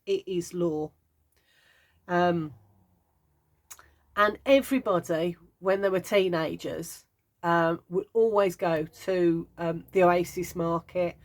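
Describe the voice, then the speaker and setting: A woman in her fifties with a Birmingham accent, chatting casually and wryly as a craft vlogger. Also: on the low side. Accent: Birmingham (Brummie). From Birmingham, England. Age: 50s. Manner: chatty, meandering, wry humour. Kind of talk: casual chat.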